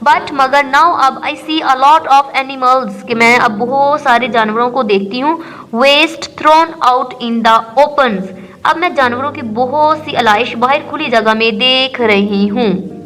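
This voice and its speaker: A woman teacher explains an English textbook lesson, reading English lines slowly and then explaining them in Urdu. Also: fairly high pitch, fairly bright tone, poor audio. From Pakistan.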